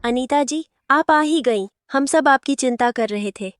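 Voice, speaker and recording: An actress dubbing a scheming young mistress with a sweetly fake manner. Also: female voice, sits high, a little slow, clean tone, no echo, clean studio sound. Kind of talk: Hindi dub of a drama.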